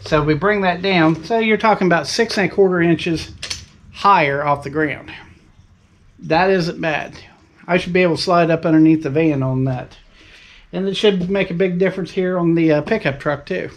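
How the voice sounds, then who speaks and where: A man with a voice that sits high hosts his own channel reviewing tools, showing off car ramps outdoors in a relaxed, folksy, step-by-step manner and plain speech. There's a little hiss or hum in the recording.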